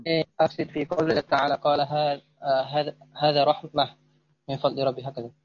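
A man asking his teacher questions in a grammar lesson, halting and hesitant. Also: fairly high pitch, flat delivery, highs cut off. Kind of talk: classroom question.

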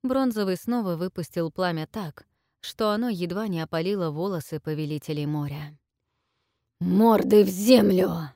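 A woman reading a fantasy novel aloud as narrator, in a measured, even storytelling manner. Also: on the low side, no echo, studio quality. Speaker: audiobook narrator.

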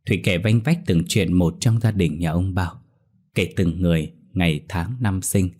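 Male storyteller, deep voice, ghost story narration. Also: moderate pace, warm tone, breathy edge.

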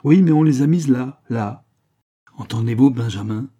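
A man's voice: medium pitch, normal speed, dark tone, lightly acted. A man reading an audiobook, voicing a curt, sarcastic head law clerk with a brusque, impatient manner.

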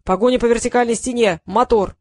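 A woman voicing a bossy male film director who yells commands on set. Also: fairly high pitch, fairly even intonation, fast, no echo, lightly acted. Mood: yelling, impatient. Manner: yelling commands.

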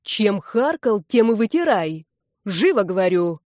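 A woman voicing a fierce old grandmother who scolds and shouts in a rough bass, recorded dry. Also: very animated, measured pace, no room sound. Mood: furious scolding.

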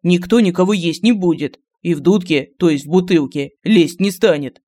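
A man's voice: high voice, moderate pace, warm tone. Semyon, a man doing a polite young peacemaker. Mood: soothing. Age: young adult. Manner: polite and firm.

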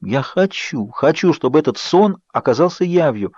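A man's voice: fairly high pitch, big pitch swings, normal speed, a little mellow, husky, no room sound, voice pushed up. A man voicing an emotional young woman in an audiobook, pleading and tearful. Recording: dull, dry studio audio.

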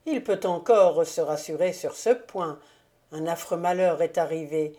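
A woman's voice: on the low side, measured pace, mellow, natural voice. A woman reading the part of a proud, arrogant young male nobleman in an audiobook, in a haughty, self-satisfied manner.

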